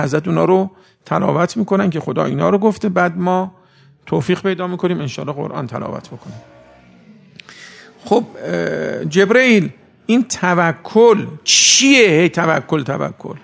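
A man giving a conversational sermon who recites Arabic sayings slowly and then explains them in everyday speech. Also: on the high side, gravelly. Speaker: cleric giving a religious talk.

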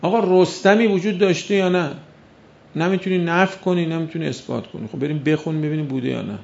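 A man's voice: a little high, creaky. A man preaching a sermon who keeps firing rhetorical questions at the audience and acts out the voices of imagined doubters. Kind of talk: religious sermon. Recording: dull lo-fi recording.

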